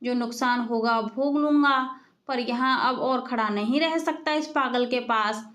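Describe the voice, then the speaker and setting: A woman's voice: fairly high pitch, measured pace, fairly bright tone. A woman voicing a meek, timid man who sells vegetables from a cart.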